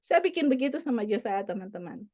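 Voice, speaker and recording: Woman giving a sermon, high voice, keeps repeating the main point, slips english phrases in. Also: very animated, quick pace, darkish tone. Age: adult parent. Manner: mixes English phrases into teaching; earnest, repeats key points. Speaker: preacher.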